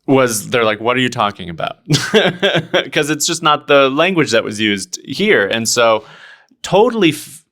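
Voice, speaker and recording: This young stand-up comedian from Oregon, United States, chats casually and earnestly as a podcast guest, full of fillers and restarts. His mid-range voice is very animated, a bit bright, and unhurried.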